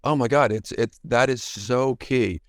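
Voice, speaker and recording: A man's voice: medium pitch, a little slow, dry recording, studio quality. A middle-aged man telling his marriage story to a coach, frank and emotional, swearing casually. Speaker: coaching client. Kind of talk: candid personal story in a coaching interview.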